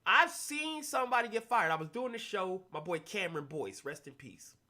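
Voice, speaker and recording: A young adult man telling stories casually, animated, acting out the quotes with big jumps in his voice. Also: high-pitched, moderate pace. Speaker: actor telling stories on a talk stream. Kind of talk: casual storytelling.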